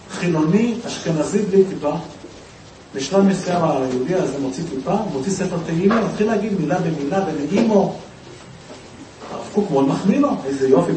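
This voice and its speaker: A man's voice: high voice, warm tone. A man giving a storytelling talk, acting out the voices of the people he quotes. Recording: echoey room, distant mic, faint noise.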